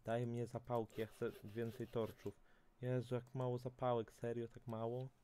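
A man's voice: mid-range voice, level tone, moderate pace, dark tone, clean tone. A man hosting a gaming channel, giving casual let's-play commentary, chatty and talking straight to his viewers with frequent self-corrections.

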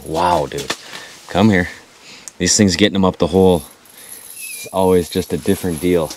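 A man in his thirties with a very low, deep voice talks excitedly to his viewers as he fights fish from inside an ice-fishing tent. His audio comes from an action camera mic and carries a faint hiss underneath. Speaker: fishing vlogger. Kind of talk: excited play-by-play vlog.

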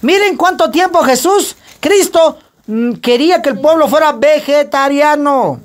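A man with a high voice preaching a sermon in a church. He drives the message with repeated questions to the congregation and waits for their replies. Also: a little slow. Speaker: pastor.

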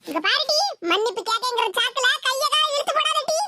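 A woman voicing a harsh, scolding old village mother-in-law with a Tirunelveli accent in an animated cartoon. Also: very high voice, a little fast. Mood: stern. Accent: Tirunelveli Tamil. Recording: hissy home recording.

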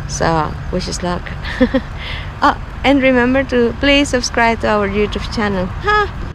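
A woman in her thirties, a travel vlogger, films herself on a road trip at roadsides and a campsite, holding the camera at arm's length. Her fairly high voice is lively and unhurried, with background noise and a music bed underneath. She chats cheerfully to the camera and laughs often.

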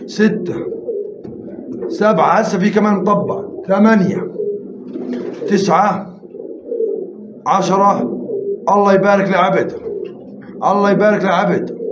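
With a high voice and fairly even intonation, a man rapidly counts bids during a live-streamed pigeon auction and coaxes viewers to bid. The sound is roomy and a bit muffled, with faint noise and pigeons cooing in the background.

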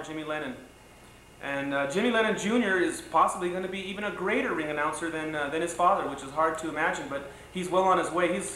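Middle-aged male host, high bright voice, halting conversational delivery, echoey home video sound. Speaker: boxing show host. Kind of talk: spoken tribute to camera. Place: living room, indoors. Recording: echoey room, faint noise, old video.

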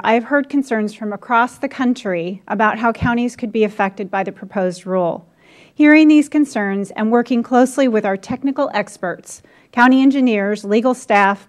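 A woman, a county commissioner from the United States, reading formal testimony at a congressional hearing in a measured, deliberate manner. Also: on the high side. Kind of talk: formal testimony read from prepared remarks.

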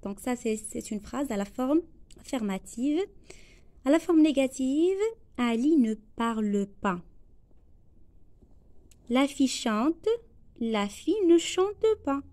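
A woman teacher with a Moroccan accent, going slowly through a worksheet lesson, repeating each phrase and translating it into Arabic. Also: high voice, animated, warm tone, dry recording. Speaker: primary school teacher.

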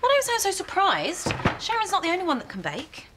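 A woman's voice: very high-pitched, wildly swooping pitch, a little fast, noisy background, exaggerated voice. An actress playing a wry, blunt middle-aged mother in a TV sitcom, who teases with dry remarks. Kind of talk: TV sitcom acting.

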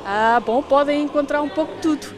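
Portuguese woman explaining, higher voice. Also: a little fast, crowd noise. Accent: European Portuguese. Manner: explanatory, with many fillers. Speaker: community centre coordinator. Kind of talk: interview. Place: large indoor hall with clothing stalls. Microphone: handheld reporter mic.

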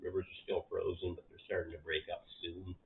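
A middle-aged man sits in his living room and chats straight to the camera, his voice a little low and unhurried. He rambles at an easy pace and fills the gaps with "uh" and "yeah". The sound is thin and tinny, like a phone line. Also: creaky. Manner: relaxed, rambling, with frequent fillers. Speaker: channel host. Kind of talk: casual vlog talk to camera. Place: living room at home, indoors. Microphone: camera in front of him.

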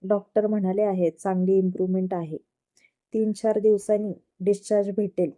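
A woman reading the lines of a calm, reassuring young man recovering in a hospital, in a storybook tale. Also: mid-range voice, brisk, lightly acted.

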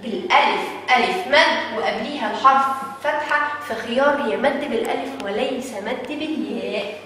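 A woman with an Egyptian Arabic accent teaching young children phonics, sounding out syllables slowly and asking questions she answers herself. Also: a little high, pushed and bright, heavy reverb, big-room sound, far from the mic, low-quality recording. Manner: asks the class questions and answers them herself. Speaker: early-years teacher.

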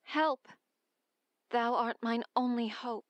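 A woman's voice: a little high, steady tone, slow. A woman playing an imploring young princess in distress in an amateur Shakespearean dramatic reading. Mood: pleading.

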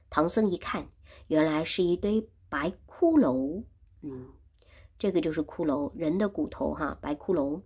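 Husky woman teacher retelling a story. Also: low-pitched, a little mellow. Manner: explains simply, repeats phrases. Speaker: Chinese teacher. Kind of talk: storytelling lesson.

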